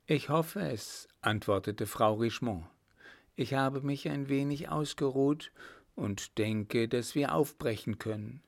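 A man voicing a polite, gentle noblewoman with a softer, higher voice than his narration. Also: slow, vocal fry, no echo, studio quality.

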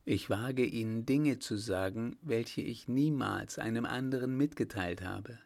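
A man voicing a shy, frightened young woman in a read-aloud novel, speaking gently and pleadingly. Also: medium pitch, a little slow, creaky. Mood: earnest.

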